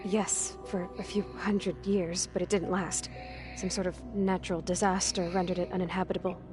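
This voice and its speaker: A woman's voice: on the low side, flat delivery, moderate pace, lightly acted. A woman voicing a clinical young clone. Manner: clinical, precise, explanatory. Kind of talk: video game dialogue. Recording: game audio with background music.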